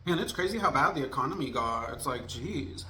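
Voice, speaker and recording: A man's voice: medium pitch, expressive, fairly quick, pushed and bright. A man chatting casually to camera as a food vlogger, candidly venting in a rambling, storytime way. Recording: echoey room, faint background noise.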